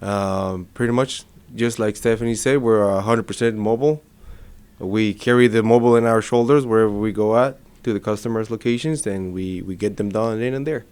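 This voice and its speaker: A man with a Mexican accent, a plain-spoken interview guest who phrases things a little haltingly. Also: fairly low pitch, a little mellow, clean tone. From Ciudad Victoria, Tamaulipas, Mexico. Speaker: guest, business owner and technician. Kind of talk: casual interview chat.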